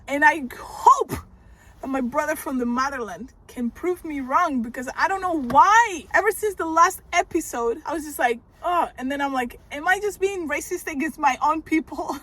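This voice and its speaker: Young woman, very high pitch, animated recap vlogger, laughs a lot, shrieks in disbelief. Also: poor audio. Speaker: reaction vlogger. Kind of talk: casual reality-show recap.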